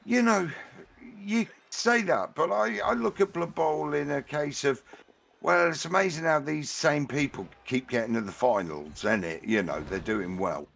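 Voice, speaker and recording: A man giving casual, chatty live commentary on a board game match, excitable and prone to repeating phrases for emphasis. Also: a little high, a little slow, vocal fry. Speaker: esports-style match commentator.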